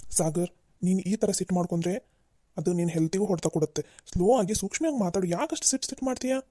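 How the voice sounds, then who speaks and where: A woman's voice: lowish voice, fast talker, warm tone, no echo, natural voice. A woman voicing a stern but caring middle-aged father in a cartoon, scolding and advising.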